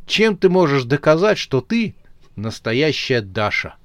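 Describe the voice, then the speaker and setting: A man voicing an excitable, lovestruck young male rugby player who speaks in eager exclamations, in a storybook reading. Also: mid-range voice, a little slow, no echo. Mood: wary.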